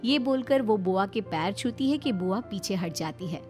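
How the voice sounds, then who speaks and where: A woman narrating a family drama story in a low, steady storytelling voice. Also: moderate pace, faint music behind.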